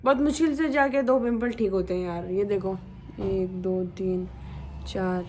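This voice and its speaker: A woman's voice: mid-range voice, measured pace, a little mellow, a little hiss or hum. A young woman vlogger chatting casually and teasing her viewers in a playful, chatty way. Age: young adult. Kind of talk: casual chit-chat vlog.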